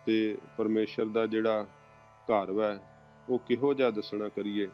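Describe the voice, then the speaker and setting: A man teaching scripture reading, reciting verses slowly and marking where to pause. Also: lowish voice, level tone. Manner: slow, measured recitation of verses with pause instructions. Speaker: Gurbani teacher. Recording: dull lo-fi recording with faint music.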